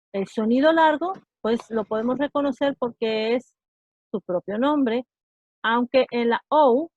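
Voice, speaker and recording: A woman leads an English lesson, walking through pronunciation step by step and stopping often to check that her students follow. Her voice sits a little high. The audio is dry and slightly muffled, like a lo-fi online class. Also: a little mellow, no echo. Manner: patient, slow, checks understanding with repeated "¿sí?". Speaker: English teacher.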